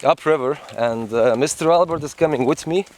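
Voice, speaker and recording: A man's voice: fairly high pitch, fairly quick, a little hiss or hum. A man narrating a travel vlog in a chatty way, with slightly non-native phrasing. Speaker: travel vlogger. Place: outdoors in the rainforest.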